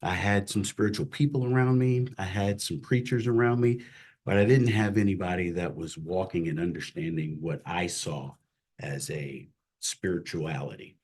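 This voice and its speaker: A middle-aged man, a chaplain, telling his personal faith story as an interview guest in an earnest, emotional way that drops to a hush at hard moments. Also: low voice, moderate pace, slightly rough. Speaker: chaplain and CPE director, guest.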